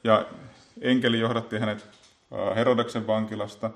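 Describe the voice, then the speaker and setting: A man giving an unscripted Bible talk, speaking haltingly and filling pauses with many small filler words and restarts. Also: on the low side, little pitch movement, creaky. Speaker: Bible teacher.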